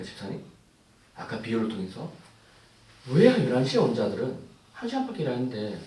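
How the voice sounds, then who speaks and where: A male pastor preaching a sermon, moving between quiet explanation and loud pleading cries. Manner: swings from low asides to loud pleading cries. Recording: echoey hall, voice from far off.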